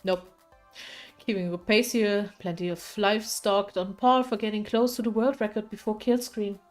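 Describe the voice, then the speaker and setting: A woman voicing a terse, focused man playing an arcade game, curt and flat. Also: mid-range voice, moderate pace, soft background music, lightly acted.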